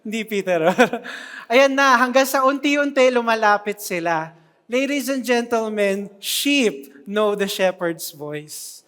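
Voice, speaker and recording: An animated preacher delivering a sermon in a church hall, voice set in the middle range. The talk keeps drawing laughs from the congregation, and a long hall reverb trails each phrase. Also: medium pitch, slow pace, clear, resonant tone.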